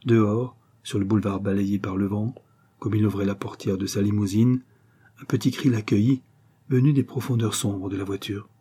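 Man, audiobook narrator, measured reading, warm mellow tone, husky. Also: lowish voice.

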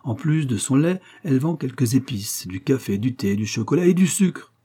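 A man voicing a pompous, doddering elderly gentleman who lectures his friend with boastful, self-satisfied reasoning in a storybook reading. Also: medium pitch, lively intonation, normal speed, breathy edge, pitched above the performer's own voice.

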